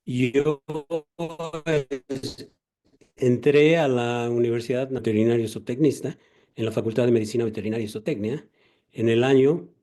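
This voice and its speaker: A man's voice: medium pitch, dark tone. An older man, recounting his veterinary career as an interview guest in a courteous, methodical way.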